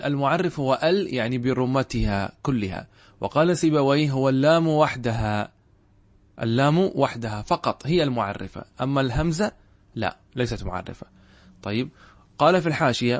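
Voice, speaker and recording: Brief: male grammar teacher, mid-pitched voice, patient and explanatory, repeats key points. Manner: measured, checks understanding with rhetorical questions. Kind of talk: classroom lesson explaining a text.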